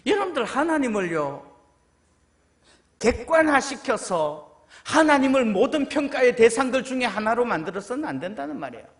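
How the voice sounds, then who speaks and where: A male pastor preaching to his congregation, tossing them questions and acting out quotes as he goes. His voice sits high and swings widely in pitch. He sounds animated and engaging. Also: normal speed. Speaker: senior pastor. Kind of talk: sermon. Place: church sanctuary.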